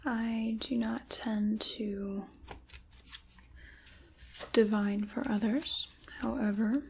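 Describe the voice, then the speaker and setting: A woman whispers close to the microphone in a theatrical ASMR roleplay, playing a sinister dark witch who loves chaos. Her soft-spoken voice is a little high, steady and very slow, with vocal fry and a silky, coaxing mood. There's slight background noise.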